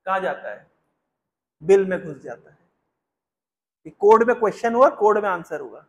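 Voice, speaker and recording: A man giving a spiritual discourse, chanting verses slowly and then explaining them to a gathered audience with frequent questions. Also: sits high, lively intonation. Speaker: spiritual teacher.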